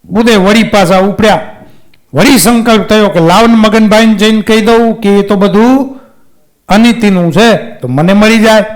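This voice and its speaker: A man narrating a devotional story in a temple sermon, telling it lively and acting out each character. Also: sits high. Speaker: katha storyteller.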